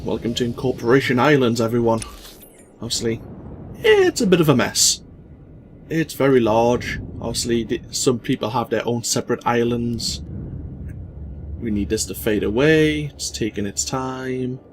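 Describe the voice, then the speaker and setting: A man's voice: mid-range voice, lively intonation, moderate pace. A man giving casual, rambling, mildly sweary commentary as he hosts a video game playthrough. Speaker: let's play host. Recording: faint game ambience noise.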